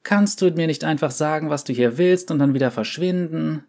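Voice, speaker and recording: A man's voice: on the high side, moderate pace, darkish tone, pitched above the performer's own voice, close to an everyday voice. A man voicing a gloomy, sulky young female yordle who answers curtly in a storybook reading. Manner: sullen, curt.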